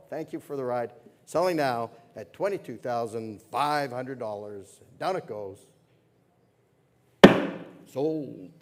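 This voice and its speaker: Guy doing fine art auctioneer patter, medium pitch, repeats the numbers, calling bids to the room. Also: a little mellow. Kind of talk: live auction calling with repeated bid figures.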